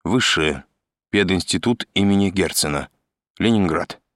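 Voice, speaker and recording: A man's voice: deep voice, a little slow, a bit bright, no room sound, clean studio sound. A man reading aloud as an insolent, brazen male detainee answering with smirking replies. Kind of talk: audiobook reading.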